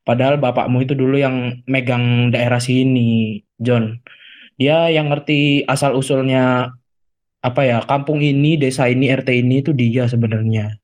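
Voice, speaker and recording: A mid-pitched man speaking with a tinge, bantering playfully in an improvised comedy skit. He drops sly innuendo and teasing questions, in a loose, joking delivery. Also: fairly even intonation, normal speed, a little mellow.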